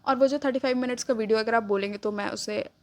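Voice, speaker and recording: A woman's voice: on the high side, fairly even intonation, fast talker, a little mellow. A young woman retelling a novel chapter in a chatty, casual way, slipping English phrases into her talk. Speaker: novel explainer on her channel. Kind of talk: casual storytelling narration.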